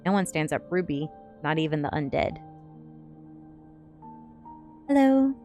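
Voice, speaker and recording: A woman with a low-pitched, dark-toned voice reads a book on an ASMR stream, unhurried but with big pitch swings. She sounds sleepy, chats casually with viewers, and music plays behind her.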